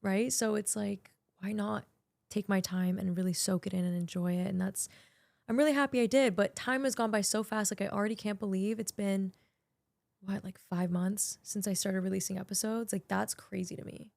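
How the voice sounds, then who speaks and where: Young woman, podcast host, chatty solo reflection, gravelly fry, dry close sound. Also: medium pitch, fairly even intonation, moderate pace, darkish tone, dry recording. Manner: chatty, emotional, many filler likes. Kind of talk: casual reflective monologue. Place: small podcast studio.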